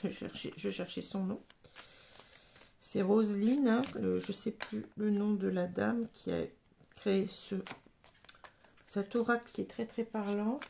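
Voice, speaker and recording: Woman tarot reader, gravelly, mid pitch, halting casual delivery. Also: fairly even intonation, warm tone, slight background noise. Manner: halting, full of "hein" and "vous voyez", restarts. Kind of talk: casual tarot reading to camera.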